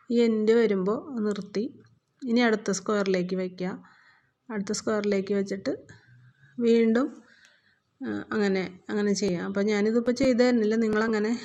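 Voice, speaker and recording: A sewing teacher with a mid-range, slightly mellow female voice gives a patient step-by-step lesson, repeating each step and checking that her learners are keeping up.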